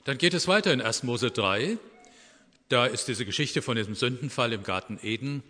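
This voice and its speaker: A man preaching a Christmas sermon, calm and measured, after reading a fable aloud. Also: mid-range voice. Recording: echoey hall reverb.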